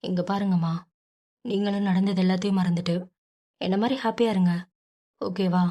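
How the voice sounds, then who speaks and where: A woman's voice: mid-range voice, fairly even intonation, normal speed, dark tone, lightly acted. A woman voicing a young adult man who brushes off his mother's worry in a casual, breezy way. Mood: reassuring.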